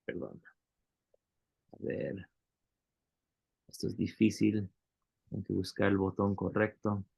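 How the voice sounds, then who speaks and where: A man's voice: lowish voice, monotone, takes it slowly, gravelly, darkish tone, slightly rough. A man teaching a Bible Greek class, explaining step by step and asking the students questions. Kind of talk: classroom lecture.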